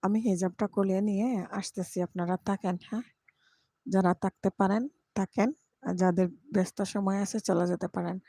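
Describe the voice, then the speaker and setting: A woman's voice: medium pitch, little pitch movement, brisk, gravelly, dark tone. A woman chatting casually with viewers on a live stream, reading out comments and addressing them by name in a homely way.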